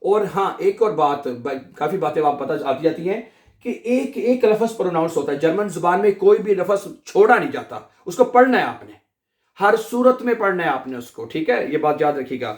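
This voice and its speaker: A man teaching a language lesson, repeating each word slowly and asking and answering his own questions. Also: high-pitched, expressive, reverberant.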